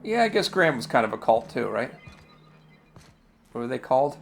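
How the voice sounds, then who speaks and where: Wry gravelly-voiced man playing. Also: mid-range voice, big pitch swings, normal speed, faint music behind. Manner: wry, joking asides. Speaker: game player and commentator. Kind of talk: playing a detective game, reading his lines aloud.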